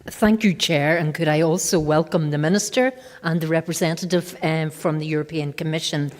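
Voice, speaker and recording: A woman's voice: low-pitched, fairly even intonation, moderate pace. A woman with a Northern Irish accent, making an earnest formal speech in a parliamentary assembly and urging action. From Northern Ireland. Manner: earnest, urging, repeats her key points. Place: large assembly chamber. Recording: long hall reverb.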